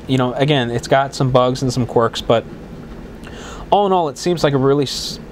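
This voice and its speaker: A man hosts his own podcast alone, talking casually and rambling with lots of fillers and restarts. He's congested from a head cold, his medium-pitched voice a bit worn, and he speaks at a moderate pace over slight background noise.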